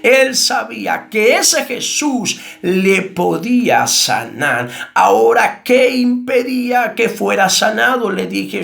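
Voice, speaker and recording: A man's voice: on the high side, creaky, a bit bright. A man preaching a sermon with passion, asking rhetorical questions and crying out repeated calls.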